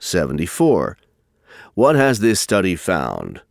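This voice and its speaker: A man reading scripted listening test instructions and questions in a formal, deliberate way. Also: deep voice, wildly swooping pitch, vocal fry, dry recording, studio quality.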